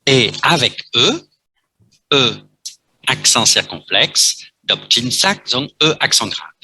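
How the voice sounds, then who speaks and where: A man with a Vietnamese accent teaching a French lesson, speaking slowly and repeating letters and words as he explains. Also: mid-range voice, lively intonation, sharp tone, husky, poor audio. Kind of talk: language lesson, explaining at a board.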